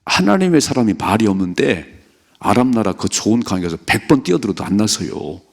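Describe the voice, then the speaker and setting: A middle-aged man preaching a dawn prayer sermon, his low voice gravelly and husky. He swings through a wide pitch range as he acts out the people in his stories. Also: fairly quick. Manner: animated storytelling, acting out characters' lines. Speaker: pastor. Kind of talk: early-morning prayer sermon.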